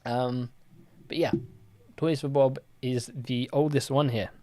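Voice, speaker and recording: A young man hosts a live-streamed quiz in a relaxed, chatty way. He drifts between reading questions and answering viewers with easygoing fillers. His pitch sits right in the middle for a man. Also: slow. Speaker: livestream quiz host.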